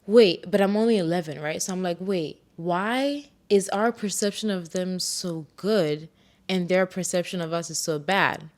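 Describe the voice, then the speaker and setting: A young woman from Ghana hosts a solo podcast, talking candidly about her own life. Her voice sits a little low for a woman. She reflects openly and now and then hypes herself up with a playful grin. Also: measured pace. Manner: candid, reflective storytelling with bursts of playful self-hype. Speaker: podcast host.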